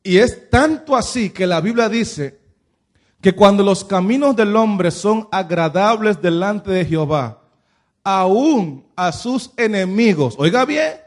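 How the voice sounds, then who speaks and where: High-voiced man preaching a sermon. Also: lively intonation, takes it slowly. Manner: preaching with many rhetorical questions. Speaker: pastor.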